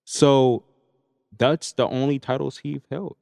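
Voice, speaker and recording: A man's voice: mid-range voice, steady tone, takes it slowly, gravelly, darkish tone. Casting: easygoing male podcast co-host, mid-range voice, some lingering reverb. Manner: laid-back, chewing gum while reading stats. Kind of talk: casual chat.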